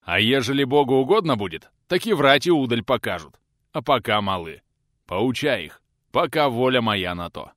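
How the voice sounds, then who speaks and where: A stern grand prince of old Rus' barks orders in a booming, gruff voice, as a male narrator plays him. His pitch swings widely as he commands, and the sound is dry and close, with no room around it. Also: lively intonation, moderate pace, a bit bright, no echo, natural voice. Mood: commanding. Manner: booming, gruff, archaic speech.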